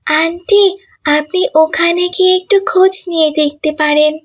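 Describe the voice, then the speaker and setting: A woman's voice: extremely high pitch, fairly even intonation, normal speed. A woman voicing a polite, earnest young schoolgirl in a cartoon.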